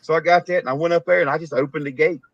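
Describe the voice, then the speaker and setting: A man's voice: a little high, fairly even intonation, racing, dry recording. A man with a Texan accent, a cattle farmer hosting a casual live-stream chat, who rambles and laughs through his stories. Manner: rambling, laughing storyteller with rural Southern grammar. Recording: dull, dry lo-fi stream audio.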